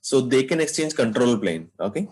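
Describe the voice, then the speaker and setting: A man's voice: mid-range voice, very animated, normal speed, a little mellow, rough recording. A man teaching a live online networking class, explaining step by step and checking in with students by asking "right?". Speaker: networking instructor.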